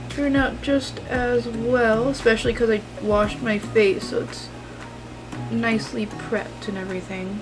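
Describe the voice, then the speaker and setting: A young woman talking casually to the camera at home about her day while getting ready. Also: on the high side. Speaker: vlogger. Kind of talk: casual vlog talk to camera.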